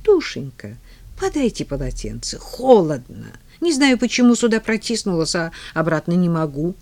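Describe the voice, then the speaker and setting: A woman's voice: fairly low pitch, sing-song, normal speed, darkish tone. A woman reading an audiobook, voicing a flustered old woman who is stuck in a shower and pleads in a fussy, tearful way. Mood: fretful.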